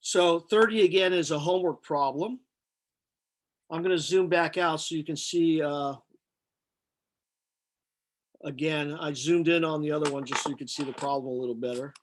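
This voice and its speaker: A man with a somewhat high-pitched voice teaches a class. He works through problems step by step, thinking aloud with halting pauses. His delivery is flat and matter-of-fact. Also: slight background noise. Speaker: chemistry lecturer. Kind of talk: lecture, working problems step by step.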